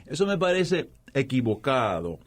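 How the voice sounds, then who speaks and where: A Cuban-born man in his forties, a guest answering interview questions thoughtfully, with frequent pauses and restarts. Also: medium pitch, sing-song. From Cuba. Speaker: guest, academic.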